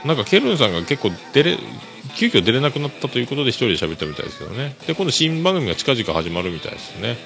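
Racing along with hardly a pause, a man from Kyushu, Japan talks through a casual solo podcast, loose and full of fillers. His medium-pitched voice swings widely in pitch, set against clear background music.

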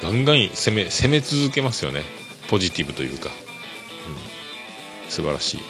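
A low-pitched, sing-song voice belongs to a podcast host from Kyushu, Japan, who rambles at a moderate pace through a laid-back solo show. Fillers crop up throughout, and music plays clearly underneath.

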